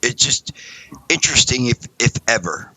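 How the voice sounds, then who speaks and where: A man's voice: medium pitch, sing-song, moderate pace, sharp tone, no room sound. A man co-hosting a casual podcast, talking in long rambling sentences full of hedges. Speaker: podcast co-host.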